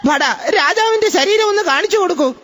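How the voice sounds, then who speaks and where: A man voicing a melodramatic queen in an exaggerated falsetto wail, in a comedy audio skit. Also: expressive, a little fast, a bit bright. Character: wailing shrill-voiced queen, melodramatic.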